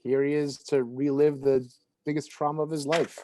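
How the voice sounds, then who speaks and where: A man's voice: a little high, level tone, moderate pace, warm tone. A man co-hosting a comic book podcast, chatting casually and enthusiastically, with some swearing. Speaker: podcast co-host.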